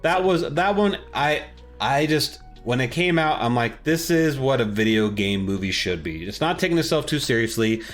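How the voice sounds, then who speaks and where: With an animated, medium-pitched voice at normal speed, a male podcast co-host recording remotely from his partner chats eagerly in casual slang while music plays behind him.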